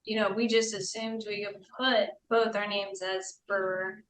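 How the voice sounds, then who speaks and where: A woman's voice: medium pitch, level tone, unhurried, slight background noise. A woman in a casual, conversational chat. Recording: roomy echo, distant from mic.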